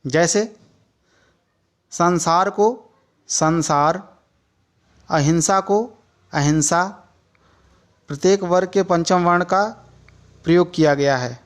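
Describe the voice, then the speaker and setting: A male teacher educator reads his lecture at an unhurried pace. He moves through each point with steady pauses, and his voice sits somewhat high. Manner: measured, listing points one by one with pauses. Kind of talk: slow lecture reading from notes.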